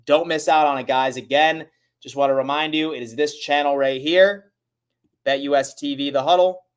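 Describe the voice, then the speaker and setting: A man hosting a casual sports livestream, talking to his viewers in a hurried, urgent way. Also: a little high, fairly even intonation, clear, resonant tone.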